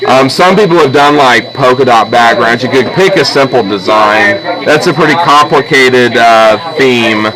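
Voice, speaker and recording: An art teacher leads a drawing class step by step in a classroom full of students, patiently checking in often with "okay?" and "all right?". His mid-range voice runs at normal speed with hardly any pauses, over a background crowd in a rough recording.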